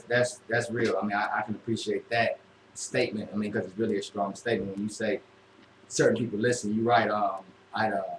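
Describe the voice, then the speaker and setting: Laid-back man hosting a radio chat. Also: lowish voice. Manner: laid-back, drawling, many fillers. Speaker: radio host. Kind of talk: casual interview chat. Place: radio studio room. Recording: echoey room, faint noise.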